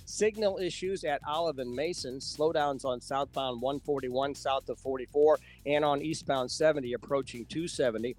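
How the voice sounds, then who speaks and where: A man's voice: mid-range voice, normal speed, hardly any pauses, a little mellow, soft background music. An American man reading a scripted traffic report and sponsor message on the radio.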